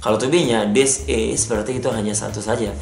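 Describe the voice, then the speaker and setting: A man's voice: fairly low pitch, fairly even intonation, vocal fry, darkish tone. Male teacher, chatty lesson with frequent check-ins, roomy echo, faint guitar music underneath. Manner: repeats "ya" and "oke", reads examples slowly. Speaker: English teacher. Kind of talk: casual explanatory lesson.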